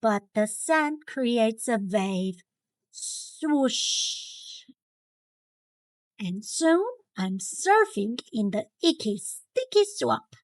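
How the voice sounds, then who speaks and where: A woman reading a children's story aloud in an animated, dramatic way, with exaggerated cartoon intonation and stretched key words. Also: on the high side, very slow, no room sound. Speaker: storybook reader.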